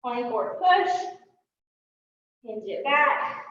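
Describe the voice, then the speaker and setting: A high-voiced woman fitness instructor calls out upbeat workout cues as she moves through the exercises, a little winded, dropping in fillers between moves. She stands away from the mic in a strongly echoing studio, and the sound is dull with a faint hiss. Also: animated, very slow, fairly bright tone. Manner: upbeat cueing with frequent "um" fillers; talks while moving and exercising. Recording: echoey room, distant mic, dull sound.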